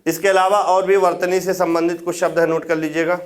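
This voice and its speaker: High-voiced male grammar teacher. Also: level tone, brisk. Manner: explains step by step with tag questions; repeats key words for dictation. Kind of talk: exam prep lecture.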